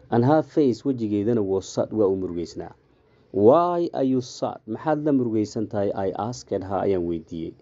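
A man with a Somali accent, a native Somali speaker, who teaches English by reading a story aloud slowly and deliberately with line-by-line translation. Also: fairly low pitch, warm tone. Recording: slightly dull, lo-fi recording.

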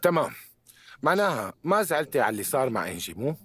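A man's voice: mid-range voice, sing-song, very fast, fairly bright tone, breathy edge, no room sound. A man dubbing a police officer who questions a suspect with blunt, pressing questions. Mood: stern. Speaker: dubbing actor. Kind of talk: Arabic dub of a TV drama.

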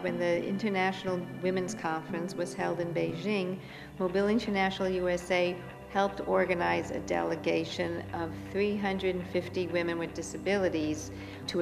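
An earnest middle-aged woman speaks in a low voice in a documentary interview, stressing her points. Her voice trails in a long reverb, with music playing clearly beneath her. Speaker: organization leader.

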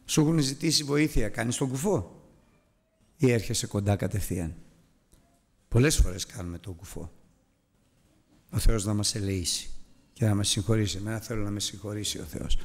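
A man's voice: on the low side, long pauses. A man teaching a preaching Bible lesson, firing rhetorical questions at his listeners with self-mocking asides.

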